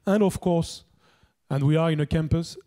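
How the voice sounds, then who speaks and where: A man's voice: on the high side, normal speed, warm tone. A man giving formal closing remarks at a conference, hesitant, with many fillers and restarts.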